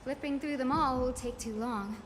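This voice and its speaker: A woman's voice: high-pitched, moderate pace, noisy background, natural voice. An actress voicing a cheerful young woman scholar in a game, telling stories and mimicking quoted critics. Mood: explaining. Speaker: game character. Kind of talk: game voice acting. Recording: game audio over music, long reverb.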